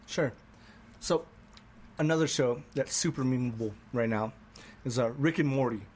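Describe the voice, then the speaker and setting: A man's voice: medium pitch, moderate pace, darkish tone, slight background noise. A tipsy man co-hosting a casual podcast chat, rambling and chuckling as he talks and swearing freely. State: tipsy from drinking. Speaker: podcast co-host; musician.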